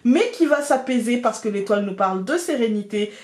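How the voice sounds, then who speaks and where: Expressive and a little fast, a French tarot reader with a Picard accent speaks directly to viewers in her weekly card reading guidance. Her voice is fairly high yet darkish in tone, and she hesitates and restarts often. The recording is reverberant.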